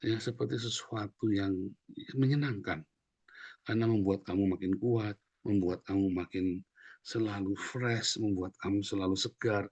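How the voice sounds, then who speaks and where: A man preaching a lively sermon, joking and acting out voices. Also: on the low side, normal speed, husky, no room sound. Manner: animated, jokes and acts out quoted voices. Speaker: pastor.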